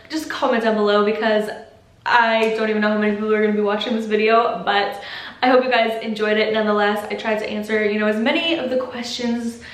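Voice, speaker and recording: A young adult woman answering viewer questions in a casual vlog, candid and chatty, filling her talk with "like". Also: on the high side. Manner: candid, chatty, heavy use of "like". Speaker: vlogger. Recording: roomy echo.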